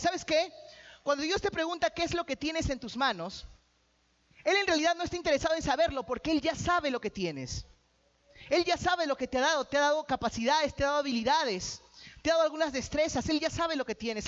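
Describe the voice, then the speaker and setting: A man with a very high, slightly bright voice preaches a sermon, joking with the congregation and calling out to them as he retells a story. The sound is dull and lo-fi.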